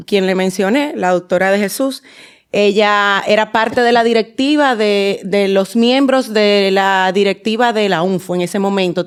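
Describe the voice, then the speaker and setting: Smooth-voiced Dominican woman telling her story. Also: medium pitch. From Dominican Republic. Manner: warm storytelling with many fillers and restarts. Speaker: guest, endodontist and dental teacher. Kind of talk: podcast interview.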